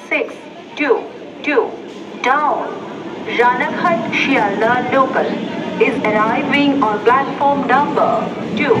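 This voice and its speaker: A woman's automated train announcement played over a railway station loudspeaker, read in slow, evenly spaced, pieced-together words. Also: high voice, roomy sound, background noise. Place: railway platform, outdoors. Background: trains and station ambience.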